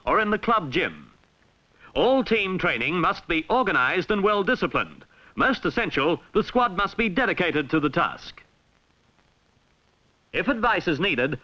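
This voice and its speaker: A man with an Australian accent narrates a scripted 1960s instructional film in a formal, measured and emphatic style, heard on a vintage soundtrack with poor audio. His voice sits high and sounds bright, forceful and very animated.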